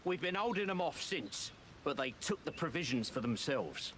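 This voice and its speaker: An actor playing a loyal, earnest pirate officer in a video game, with formal, archaic nautical speech and music behind him. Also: male voice, a little high, big pitch swings, normal speed, fairly bright tone, a little hiss or hum. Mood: grave, reporting. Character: loyal, earnest male pirate officer, urging his crew. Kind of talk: dramatic video game acting.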